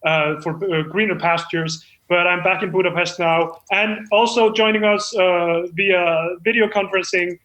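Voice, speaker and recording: Playing a self-important amateur screenwriter who hosts his own reading, this man has a high, slightly bright voice with fairly even intonation. He's chatty and rambling at a moderate pace with hardly any pauses, effusive and deluded but eager, stumbling off script in comedic monologue and mock talk-show hosting, echoing in a roomy space.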